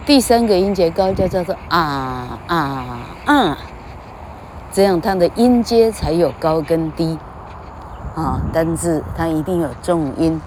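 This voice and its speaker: A woman's voice: on the low side, measured pace, a little mellow, a little hiss or hum. A woman giving a comedic mock English lesson, lecturing and singing out long drawn vowels. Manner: lecturing, sings out drawn vowels, tags lines with "哈".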